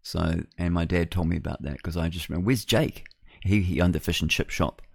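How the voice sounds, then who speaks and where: A New Zealand man in his sixties, working as a radio host, rambles through a conversational opinion monologue, drifting off on tangents and tossing in rhetorical tag questions. His voice is low-pitched and darkish with vocal fry and a breathy edge, delivered flatly at a quick pace. There's no echo.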